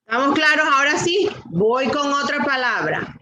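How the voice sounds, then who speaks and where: A middle-aged woman teaching a class, speaking slowly and patiently and repeating rules and questions to her students. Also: high voice, animated, sharp tone, poor audio. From Latin America. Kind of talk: online class lesson.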